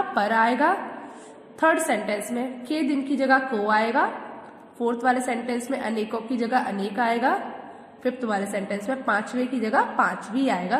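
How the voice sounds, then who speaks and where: A woman teacher giving a patient grammar lesson to children, asking questions and answering them herself. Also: fairly high pitch. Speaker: school teacher. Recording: echoey room with long reverb.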